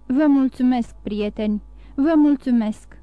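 A woman voicing a dignified, grieving older shipowner who speaks gently and formally in a storybook reading. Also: high-pitched, clear, resonant tone, no echo, lo-fi sound, natural voice. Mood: moved.

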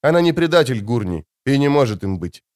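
A man's voice: medium pitch, big pitch swings, a little fast, a little mellow, natural voice. A man reading the part of a stern, weary young noble heir who talks in an impatient grumble. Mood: brooding.

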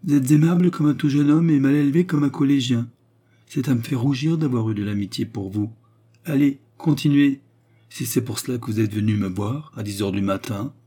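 A man's voice: mid-range voice, a little fast, warm tone, voice pushed up, lightly acted. A man reading aloud, voicing a worldly, mocking former courtesan with an ironic, self-assured manner. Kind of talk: audiobook character reading.

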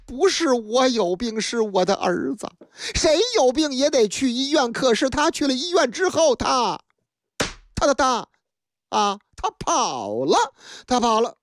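A woman's voice: a little high, very animated, measured pace, slight background noise. A woman voicing a frantic middle-aged father pleading with police, breathless and stammering. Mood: anxious.

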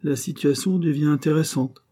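A man's voice: on the high side, moderate pace, pitched above the performer's own voice, close to an everyday voice. A man doing the jovial sea captain Corcoran. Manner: cheerful, teasing, lively. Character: bold jovial male Breton sea captain.

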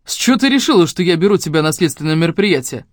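A woman voicing a gruff, growling police major. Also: fairly low pitch, expressive, fast, no room sound. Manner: growling, curt, sarcastic. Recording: dry close studio sound.

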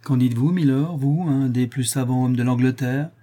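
A man's voice: medium pitch, moderate pace, dark tone, close to an everyday voice. A man doing an eager young princess. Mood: excited. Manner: eager, exclaiming. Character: excited young princess, affectionate.

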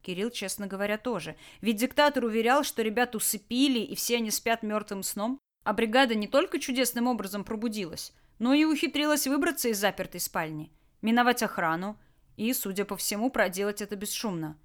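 A woman's voice: mid-range voice, fairly quick. Woman narrating an audiobook dramatically. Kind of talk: expressive scripted narration.

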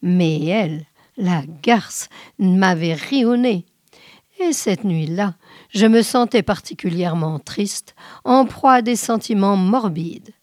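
A woman reading a short story aloud in a measured, often hushed way. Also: medium pitch, animated, dry recording, clean studio sound. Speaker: reader.

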